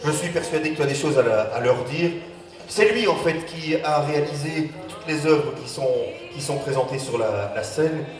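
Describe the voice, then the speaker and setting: A man's voice: fairly high pitch, normal speed. A man hosting a cabaret, making chatty, hesitant announcements from the stage. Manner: chatty, hesitant, repeats words as he goes. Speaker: cabaret master of ceremonies. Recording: echoey hall, slightly distant microphone.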